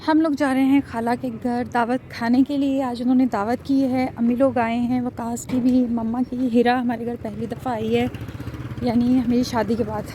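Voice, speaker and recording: Chatty high-voiced woman vlogger. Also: level tone, moderate pace, mellow, slight background noise. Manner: chatty, addresses viewers directly. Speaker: family vlogger. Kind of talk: casual vlog narration.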